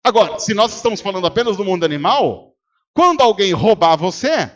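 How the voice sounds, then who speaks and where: At a church service, a Brazilian pastor with a Brazilian Portuguese accent preaches in a noticeably high, fairly bright, sing-song voice at a fairly quick pace. He argues rhetorically, keeps quizzing the congregation and acts out both sides of a debate.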